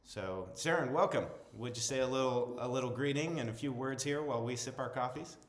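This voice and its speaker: A man's voice: medium pitch, a little fast. A man hosting a coffee interview show, upbeat and welcoming as he introduces the guest and the coffees. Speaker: show host. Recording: roomy echoey sound.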